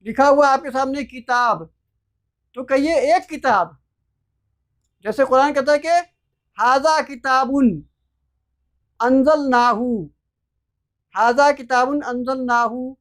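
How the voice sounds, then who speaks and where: A man's voice: very high-pitched, a bit bright. A man teaching an online grammar class over a video call. He talks patiently and repeats each letter and word for his students.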